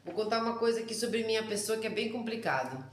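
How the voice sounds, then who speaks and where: A woman with a Rio Grande do Sul interior accent giving a casual religious lesson, talking fast, loud and intensely. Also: on the high side, animated, slight background noise. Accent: Rio Grande do Sul interior Brazilian Portuguese. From interior of Rio Grande do Sul, Brazil. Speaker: Torah teacher. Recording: roomy echo.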